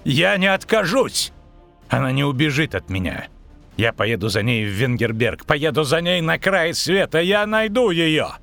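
A man reading an audiobook, voicing a proud, tormented male sorcerer who speaks bitterly and breaks into shouts. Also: mid-range voice, big pitch swings, a little slow, faint music behind, pitched above the performer's own voice. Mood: desperate shouting. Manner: bitter, agitated, rising to shouts.

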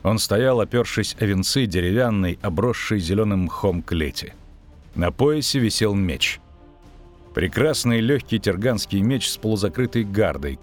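A man narrating a fantasy audiobook in a measured, dramatic reading. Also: fairly low pitch.

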